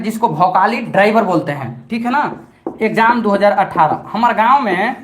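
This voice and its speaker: A man's voice: very high voice, fairly bright tone. A middle-aged man with a Bhojpuri-tinged Hindi accent, teaching a live online maths exam-prep class in a chatty way, repeating each point and scolding his students by turns.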